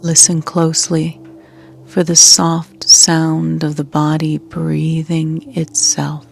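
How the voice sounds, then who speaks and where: Deep-voiced and completely flat in delivery, a woman guides a yoga nidra meditation with soft music beneath her. Her calm, hushed speech turns breathy and nearly whispered, broken by long pauses.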